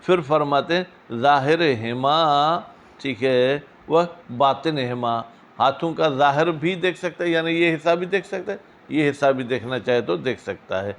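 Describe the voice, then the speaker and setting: A man teaching a seminary class, reading Arabic phrases slowly, then explaining them in quick, questioning asides to his students. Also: on the high side, fairly bright tone. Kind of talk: classroom lecture on a legal text.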